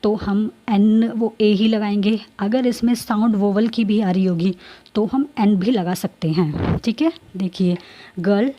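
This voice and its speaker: A woman's voice: mid-range voice, unhurried, warm tone. A woman teacher explaining a grammar lesson to students, repeating her points and checking in with them often.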